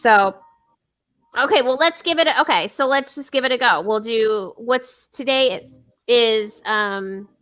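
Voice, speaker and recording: A woman's voice: a little high, measured pace, a bit bright, faint music behind. A woman co-hosting a casual podcast, chatting with many fillers and restarts. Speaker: podcast co-host. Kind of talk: casual chat.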